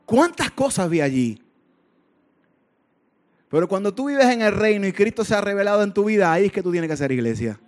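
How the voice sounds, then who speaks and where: A male pastor delivering a sermon, moving between hushed storytelling and loud, fervent outbursts. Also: high voice, very animated, a little fast, long pauses, soft background music.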